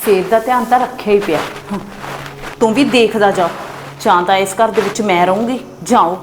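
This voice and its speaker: A woman's voice: medium pitch, a little fast, over music, natural voice. A woman playing a spiteful nagging wife. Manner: sharp, nagging, combative. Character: spiteful young wife, jealous of her sister-in-law. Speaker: actor in a short film. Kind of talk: melodramatic short-film acting. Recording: echoey room.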